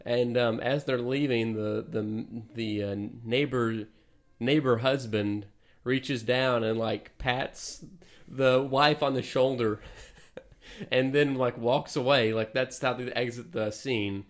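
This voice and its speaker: Brief: male podcast co-host, animated storyteller, salty language. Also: medium pitch, slow. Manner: animated storytelling, swearing, laughing mid-story. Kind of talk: casual chat.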